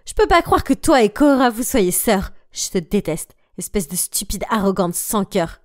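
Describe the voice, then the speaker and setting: A woman voicing a shy, gentle French teenage girl who speaks softly. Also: mid-range voice, very animated, normal speed, no echo, studio quality, natural voice. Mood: upset.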